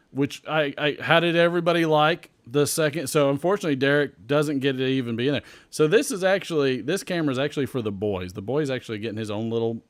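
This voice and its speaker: A man's voice: mid-range voice, no echo. A man hosting a livestream in a casual, chatty, jokey way, talking straight to his viewers. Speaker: live stream host.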